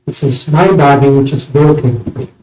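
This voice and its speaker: A man serving as priest, reciting a eucharistic prayer solemnly in measured, short phrases, in a large reverberant church. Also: mid-range voice, a little mellow, slight background noise. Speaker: priest celebrating communion. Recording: echoey church, distant mic, muffled sound.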